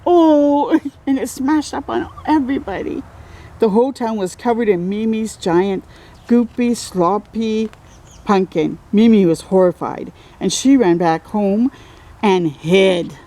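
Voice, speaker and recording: Unhurried and warm, a mid-range female voice reads a picture book to little children. As a read-aloud storyteller, she exclaims, lengthens key words and encourages her listeners with small asides throughout.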